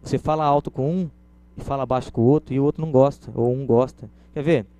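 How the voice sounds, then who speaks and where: A man's voice: medium pitch, fairly even intonation, fast talker, dark tone. A Brazilian man giving a conversational lecture, illustrating points with everyday stories. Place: lecture room.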